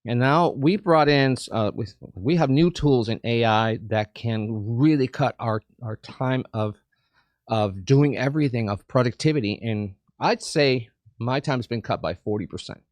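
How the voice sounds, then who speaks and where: In a casual studio interview, an eager Cuban chamber of commerce president speaks at a measured pace, often repeating words. His medium-pitched voice has a darkish tone, captured in a dry recording.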